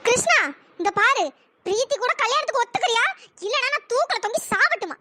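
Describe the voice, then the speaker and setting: A voice actor doing a shrill stubborn cartoon mother. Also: lively intonation, brisk, pushed and bright, a little hiss or hum, full character voice. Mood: threatening. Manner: melodramatic, pleading and threatening. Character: stubborn scheming mother, middle-aged woman. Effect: pitch-raised voice. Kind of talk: cartoon drama dialogue.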